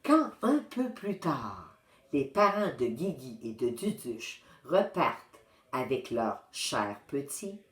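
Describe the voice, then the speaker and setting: A woman's voice: extremely low pitch, takes it slowly. Woman reading a children's story aloud. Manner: expressive, warm read-aloud to children. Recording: roomy echo.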